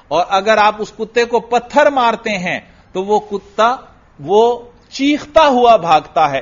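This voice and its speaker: Male religious teacher, lively lecture, chants verses, quizzes class, slightly raised pitch, dull lo-fi recording. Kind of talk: classroom lecture explaining Arabic grammar.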